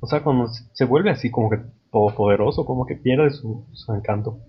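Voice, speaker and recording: Man, dry-humored co-host, husky voice, dull call sound. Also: medium pitch, a little fast. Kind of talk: casual chat.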